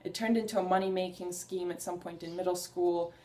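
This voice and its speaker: A young adult vlogger whose first language is Hungarian speaks a little fast, her voice fairly low and a little mellow with fairly even intonation. She talks to camera in a casual, earnest, enthusiastic way, meandering slightly and restarting her sentences.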